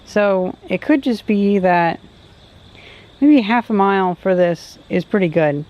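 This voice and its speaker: Out along a road, a vlogger tests gear and thinks aloud in casual, unscripted commentary. The voice is medium-pitched, slow, and a little mellow. The audio is dull, with faint background noise.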